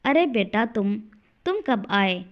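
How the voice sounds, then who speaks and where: Woman voicing a meek elderly father-in-law, soft and consoling, mid pitch, dull lo-fi recording. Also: sing-song, takes it slowly.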